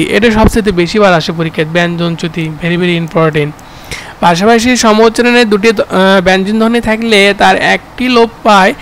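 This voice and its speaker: Bangladeshi male tutor, fairly high voice, drills terms and quizzes himself, faint traffic noise behind. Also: poor audio. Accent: Bangladeshi Bengali. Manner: repeats terms and asks himself questions, with fillers. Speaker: teacher. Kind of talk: exam-prep grammar lesson.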